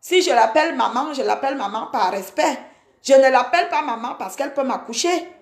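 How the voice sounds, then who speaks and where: This high-pitched, expressive voice belongs to a Cameroonian social media personality in her forties, speaking briskly in a roomy space. Over a furious Facebook live, she scolds a rival indignantly and keeps repeating herself.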